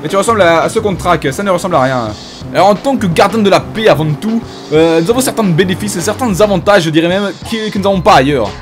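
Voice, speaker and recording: A man's voice: high voice, quick pace, music in the background, natural voice. A man voicing a pompous, bumbling police inspector in mock-solemn game commentary, with a French accent and hesitant fillers. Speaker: gaming YouTuber. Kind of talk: comedic in-character game commentary.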